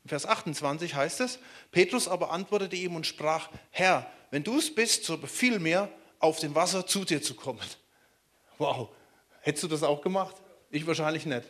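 A man from Germany preaching a sermon in a lively way, often turning to ask his listeners questions. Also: a little high, normal speed. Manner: animated, asks the listeners questions.

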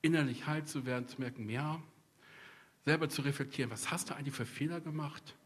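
A man's voice: a little high, fairly quick, slightly rough. A middle-aged man from East Westphalia, a pastor preaching a sermon, telling personal stories with humorous asides and speaking straight to the congregation. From East Westphalia, Germany. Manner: conversational, addresses the congregation directly.

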